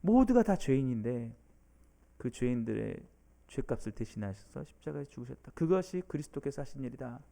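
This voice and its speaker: A male pastor giving an early-morning sermon, earnest, voicing the listeners' inner questions and rising loud on key points before dropping low. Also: sing-song, a little fast, vocal fry.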